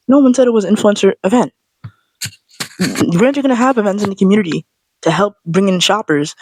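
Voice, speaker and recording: A woman's voice: medium pitch, no room sound. Sassy woman ranting on her vlog. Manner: sassy, animated, slangy. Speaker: vlogger. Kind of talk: casual ranting monologue.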